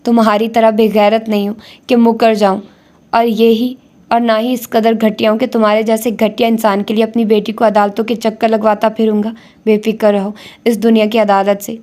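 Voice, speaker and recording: A raging middle-aged father from a romance audiobook shouts and cuts, unforgiving and harsh, voiced by a woman narrator. His tone stays mellow and dark under the loudness. The melody moves little. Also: on the high side, level tone, close to an everyday voice. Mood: furious. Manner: shouting, cutting.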